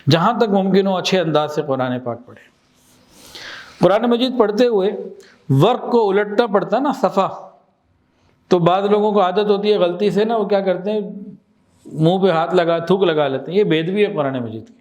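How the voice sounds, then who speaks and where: A man teaching in a religious talk, explaining with examples, asking his listeners questions and repeating phrases slowly for emphasis. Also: sits high, a little mellow. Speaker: Islamic teacher.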